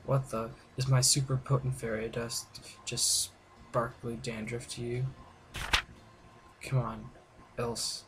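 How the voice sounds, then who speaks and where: A man hosting a gaming video reads the characters' lines aloud in a playful, informal way, stumbling now and then. His mid-range voice barely shifts in pitch, and he speaks slowly with frequent pauses. The gameplay recording is very noisy and full of clicks.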